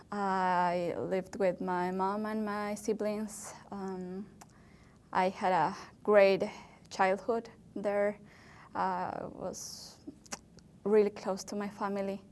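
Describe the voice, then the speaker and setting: Slow, hesitant young woman from Ecuador. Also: medium pitch. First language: Spanish. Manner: hesitant, searching for words, many fillers. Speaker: interviewee, English learner. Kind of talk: oral history interview.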